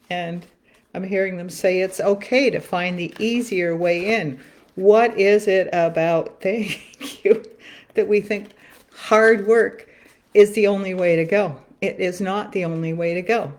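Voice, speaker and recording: A spiritual card reader with a lowish, darkish-toned female voice talks alone on a livestream. She muses loosely and earnestly, repeating phrases as she draws cards.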